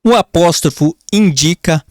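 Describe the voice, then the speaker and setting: A man with a Brazilian accent teaching a grammar lesson for an exam, often calling the class "pessoal" and drawing out key words slowly while he writes on a board. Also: on the high side, dry recording, studio quality. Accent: Brazilian Portuguese. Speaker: Portuguese teacher.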